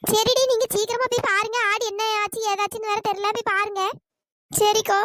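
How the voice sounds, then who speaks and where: A woman voicing bossy, bickering village women in a cartoon, with a pitch-raised voice. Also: fairly even intonation, brisk, background noise. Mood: bickering chat. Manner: scolding, bickering, teasing. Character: bossy gossiping village women, scolding and sharp-tongued. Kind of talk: cartoon voice acting.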